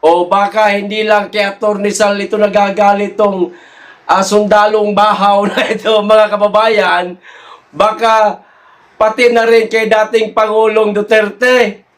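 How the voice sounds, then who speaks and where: Slow, teasing high-voiced man. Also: flat delivery. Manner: teasing, laughing often, slow drawn-out delivery. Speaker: political commentary vlogger. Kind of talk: casual commentary to viewers.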